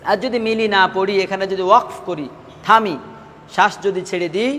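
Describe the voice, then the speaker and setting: High-voiced man teaching in a reverberant room. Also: steady tone, bright, forceful tone. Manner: asks students questions and repeats answers, drawn-out drilled syllables. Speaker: Quran recitation teacher. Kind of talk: classroom lesson.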